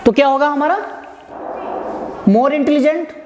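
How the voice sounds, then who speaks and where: Man, grammar teacher, high voice, asks and answers his own questions, reverberant room, faint hiss. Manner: poses rhetorical questions then answers them; slow, repetitive explaining with spelled-out words. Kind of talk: explaining lesson to students. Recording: echoey room with faint background noise.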